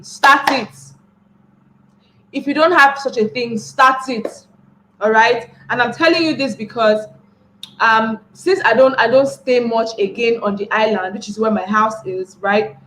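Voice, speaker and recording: Addressing a webinar class, a young Nigerian woman speaks in a high-leaning, fairly bright voice, delivering motivation. She often repeats key phrases and asks listeners "right?"; the room echoes and carries faint background noise.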